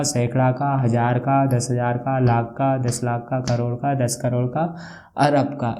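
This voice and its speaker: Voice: mid-range voice, dark tone. A maths teacher explaining a lesson, who keeps asking questions and answering them, and spells out place values one by one.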